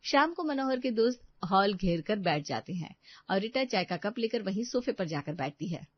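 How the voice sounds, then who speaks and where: A woman's voice: mid-range voice, normal speed, no echo. Storybook narrator: a woman telling it evenly, close dry mic. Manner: even storytelling. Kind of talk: scripted narration. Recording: dull dry lo-fi recording.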